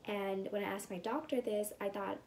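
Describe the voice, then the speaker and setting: A young woman from California chats through a vlog update on her recovery after surgery, rambling and using lots of fillers. Her medium-pitched voice is steady and darkish at a moderate pace, now and then congested or whispering. There's slight background noise.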